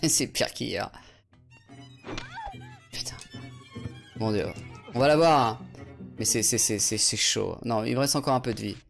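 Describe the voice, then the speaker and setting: A man's voice: mid-range voice, measured pace, vocal fry, pauses often, soft background music. Chatty swearing male game streamer. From France. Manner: chatty, swearing, reads chat aloud. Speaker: let's play streamer. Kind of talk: casual gameplay commentary. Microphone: USB studio condenser mic.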